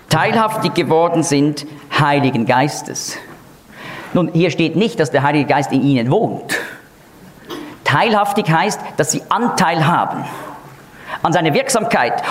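Male Bible teacher, lively and emphatic, slightly high voice, faint noise behind. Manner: emphatic, explanatory, with sudden rises on key words.

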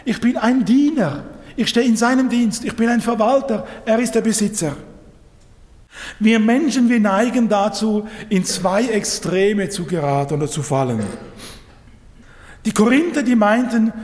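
A man's voice: sits high, darkish tone, reverberant, in a large hall. A man preaching a sermon, emphatic, his voice rising and dropping sharply for effect.

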